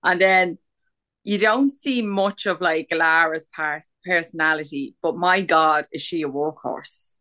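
Bright-voiced Irish woman, blunt and sweary. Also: sits low, a little slow. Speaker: podcast co-host. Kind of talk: casual gossip chat.

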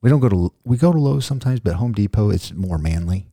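A man's voice: lowish voice, expressive, fast, dark tone, dry recording, studio quality. A middle-aged man hosting a podcast in casual chat, rambling and joking off on tangents. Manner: rambling, jokey, goes off on tangents. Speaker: podcast host.

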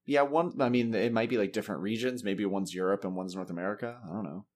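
A man hosting a podcast in casual chat, animated, laughing often and swearing freely. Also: on the low side, fast talker. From Massachusetts. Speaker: podcast host.

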